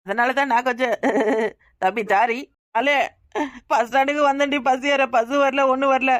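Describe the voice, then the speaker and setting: A woman with a Tirunelveli Tamil accent voicing a cartoon village woman, talking quickly and lamenting. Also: high-pitched, fairly even intonation, dry recording, clean studio sound.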